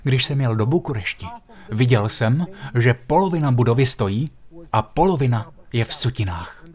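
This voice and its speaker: A man preaching a sermon, telling a personal story vividly and slowing down on stressed phrases. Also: medium pitch, animated, darkish tone.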